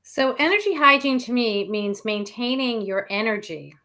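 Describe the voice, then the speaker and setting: A woman's voice: a little high, lively intonation, moderate pace, bright, forceful tone. A woman co-hosting a live show as a meditation facilitator, chatting casually.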